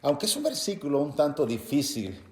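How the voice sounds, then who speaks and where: A man preaching a Bible-teaching sermon, reading verses aloud and explaining them to his listeners as brothers, with loud emphatic bursts between quieter explanation. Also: on the high side, huge pitch swings, a little fast. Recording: echoey room.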